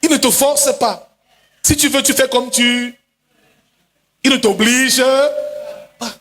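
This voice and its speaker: A male pastor preaching a sermon in a chanting, sing-song style, now and then breaking into shouted lines and quickly acting out other voices. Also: extremely high pitch. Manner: acts out voices in quick asides. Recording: long hall reverb.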